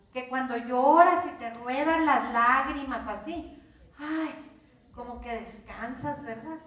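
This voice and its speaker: A woman's voice: high-pitched, fairly bright tone. An older woman with a Mexican accent giving a workshop lecture as course instructor, talking conversationally and putting questions to her audience. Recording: roomy sound from a distance.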